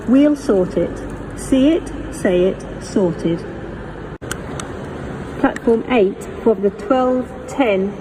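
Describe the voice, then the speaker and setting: A woman making formal, measured pre-recorded public announcements in the manner of an airport or railway station announcer. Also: medium pitch. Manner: measured, formal, item-by-item listing. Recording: noisy station PA with vehicle ambience. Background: train station ambience, vehicles.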